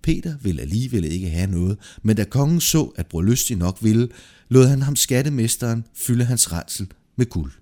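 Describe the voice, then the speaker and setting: A man narrating a folk tale aloud in a lively, expressive storytelling manner. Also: medium pitch.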